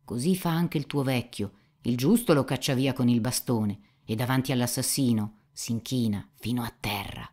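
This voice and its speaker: A woman's voice: very deep voice, normal speed, hardly any pauses, a little mellow. A woman voicing a sneering young male seminarian, insinuating, talkative, audiobook character. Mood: mocking.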